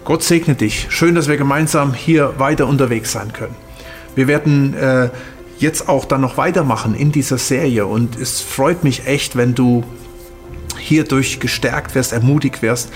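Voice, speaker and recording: A male pastor preaching with earnest directness, repeating himself as he addresses the listener. His voice sits in a middle register. Soft music plays faintly behind him. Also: mid-range voice, normal speed. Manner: earnest, repeats phrases, speaks straight to the viewer. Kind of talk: sermon with prayer.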